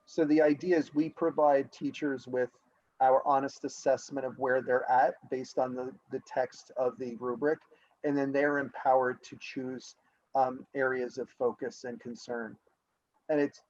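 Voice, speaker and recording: A school administrator explaining an evaluation process in a meeting, conversational, with examples and frequent restarts. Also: male voice, mid-range voice, a little mellow, dull audio.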